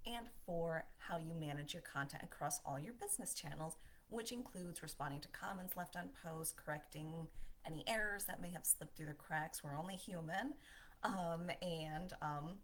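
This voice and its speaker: A woman giving a marketing lesson as a voiceover, upbeat and conversational, with a smile in her voice. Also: sits low. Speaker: marketing instructor.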